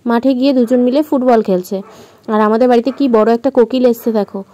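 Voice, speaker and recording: A woman's voice: on the high side, fast, dark tone. A young woman with a West Bengal Bengali accent chats to viewers at home in a casual family vlog, filmed on a handheld phone, and coaxes her child along. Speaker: family vlogger. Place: home, indoors.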